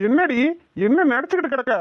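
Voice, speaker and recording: A woman voicing a short-tempered young man in a cartoon, yelling and scolding everyone around him. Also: high voice, fast talker, no echo, natural voice. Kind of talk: cartoon voice acting. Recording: dull dry studio recording.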